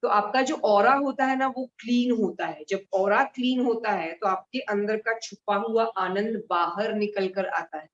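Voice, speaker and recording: A woman's voice: medium pitch, a little slow, hardly any pauses. A woman teaching mudra therapy to a live group in a conversational way, explaining with everyday examples. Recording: roomy and dull.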